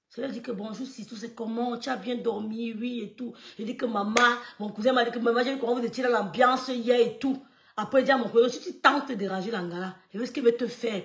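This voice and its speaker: Woman, higher voice, animated casual storyteller, roomy echo. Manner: swings loud and soft, quotes others, stammers and laughs. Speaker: storyteller recounting gossip.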